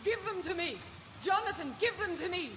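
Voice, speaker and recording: Spellbound young wife, urgent and high, noisy echoing hall, radio drama. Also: female voice, expressive, normal speed, sharp tone, exaggerated voice. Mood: urgent demand. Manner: urgent, intense. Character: entranced young wife under a vampire's spell. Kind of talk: live radio drama acting. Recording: noisy live hall with long reverb.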